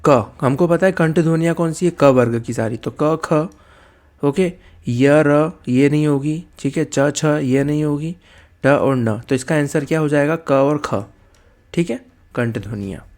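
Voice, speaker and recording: A man with a slightly high voice explains an exam-prep lesson. He poses questions and answers them himself, checking in constantly with okay and right. He sounds out letters slowly to show how they are said. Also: darkish tone. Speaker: teacher.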